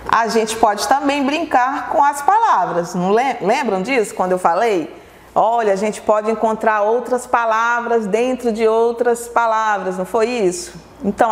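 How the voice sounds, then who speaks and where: Slow, patient woman teacher for young pupils, a little high, in an echoey room with a long tail. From Brazil. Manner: slow, patient, asks pupils questions and answers them herself. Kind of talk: televised classroom lesson for children.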